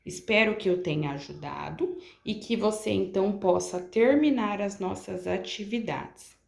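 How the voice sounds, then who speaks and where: A woman teacher explaining a lesson to pupils in a slow, patient way, drawing out syllables as she gives examples, with a Brazilian Portuguese accent. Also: medium pitch, vocal fry, reverberant.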